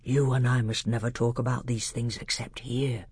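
Solemn old tutor in a deep hushed whisper, breathy and close-miked, voiced by a male reader. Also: little pitch movement, moderate pace, no echo, natural voice. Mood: grave secretive.

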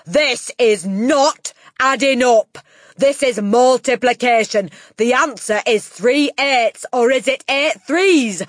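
A woman voicing a huge, bullying headmistress in an audiobook, booming and barking out contemptuous insults with drawn-out emphasis. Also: a bit bright, no room sound, clean studio sound. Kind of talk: audiobook character acting.

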